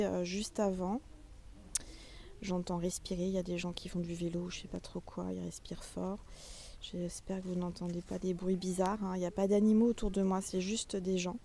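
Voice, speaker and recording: Talking straight to camera outside a castle, this woman gives a casual, chatty tarot reading and calls her viewers little stars. She has a mellow, mid-range voice, and there's a little hiss or hum.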